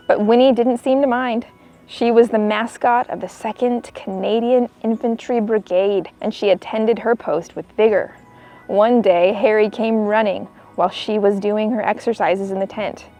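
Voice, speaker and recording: A woman reading a children's book aloud in an expressive storytelling style, as a narrator for young listeners. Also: fairly high pitch, muffled recording.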